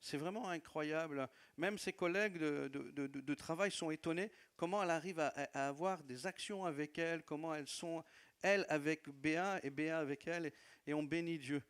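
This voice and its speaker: A man with a fairly high, smooth voice speaks a little quickly, preaching as a pastor in a church hall with a non-native French accent. His sermon testimony is warm storytelling about his church, full of laughs and repeated phrases.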